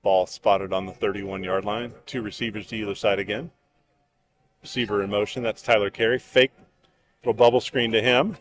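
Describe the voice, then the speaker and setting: A man doing live play-by-play commentary for a high school football game, brisk and matter-of-fact between plays. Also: fairly even intonation. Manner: brisk, rises to shouting on big plays. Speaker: play-by-play announcer.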